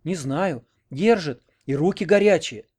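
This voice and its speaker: A man doing a high, plaintive young woman. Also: expressive, unhurried, darkish tone, breathy edge. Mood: frightened. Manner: plaintive, complaining. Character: fretful young village woman.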